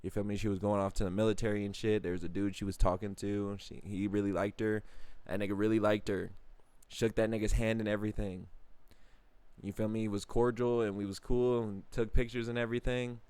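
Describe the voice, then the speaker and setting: A young man telling casual stories in slangy talk, often jumping into high-pitched exclaims. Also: little pitch movement, a little fast, a little mellow, smooth, no room sound. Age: young adult. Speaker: vlogger. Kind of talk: casual storytelling monologue.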